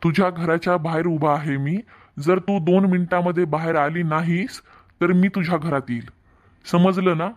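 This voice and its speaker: A man's voice: a little high, fairly even intonation, moderate pace, close to an everyday voice. A man voicing an insistent, earnest young married man in a cartoon story, with a Marathwada Marathi accent. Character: married young man, pushy then apologetic lover.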